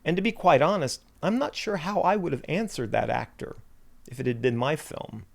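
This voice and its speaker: A man's voice: on the high side, moderate pace, vocal fry. A man, a writer, delivering a reflective spoken essay in a musing, wry and self-deprecating way.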